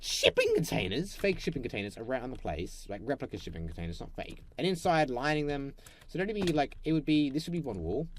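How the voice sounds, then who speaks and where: A young man hosting a Minecraft let's play, chatting, humming and talking to himself playfully as he builds. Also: mid-range voice. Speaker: gaming channel host.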